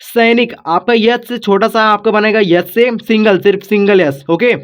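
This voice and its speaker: A man's voice: high voice, fairly even intonation, moderate pace. A man teaching a video lesson, patiently repeating each step and talking to his viewers as if they were kids. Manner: patient, repetitive explaining, addresses viewers as kids. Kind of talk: classroom-style video lesson. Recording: dull lo-fi recording.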